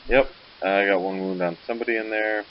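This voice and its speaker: Man, low pitch, sleepy and loose; casual game-recap narrator, muffled hissy recording. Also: steady tone, a little fast. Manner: rambling, loose, self-correcting. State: sleepy, yawning. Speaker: tabletop wargame player. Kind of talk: casual battle report narration. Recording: dull lo-fi recording with faint hiss.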